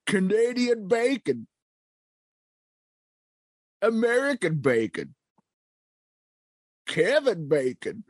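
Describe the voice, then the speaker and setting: A man voicing a boastful, cantankerous old male prospector in an improvised comedy bit, drawling slowly and self-importantly, clearing his throat between lines. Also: high-pitched, no echo, studio quality, heavily acted.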